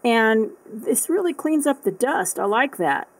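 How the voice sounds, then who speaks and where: A woman's voice: a little high, lively intonation, measured pace, low-quality recording. Chatty woman rambling through an unboxing. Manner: rambling, thinks aloud with many fillers and restarts. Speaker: art supply unboxing vlogger. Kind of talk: casual unboxing chat.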